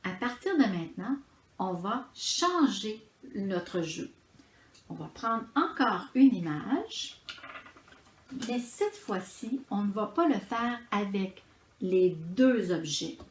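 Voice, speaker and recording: A woman with a Quebec French accent teaching preschool children to count syllables, drawing out each word in a slow, sing-song way. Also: medium pitch, big pitch swings. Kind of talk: children's phonics lesson. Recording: echoey room with background noise.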